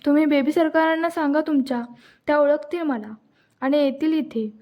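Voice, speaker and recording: A woman's voice: high-pitched, fairly even intonation, normal speed, highs cut off, natural voice. A woman voicing a humble young village man who pleads insistently for a job, read in her own voice. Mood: pleading.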